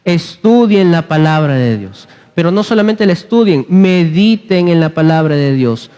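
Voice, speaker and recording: A man's voice: a little high, expressive, moderate pace, mellow, clean tone. A man from Peru preaching a sermon in a church, exhorting the congregation and dropping humorous asides. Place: church hall. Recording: long church reverb.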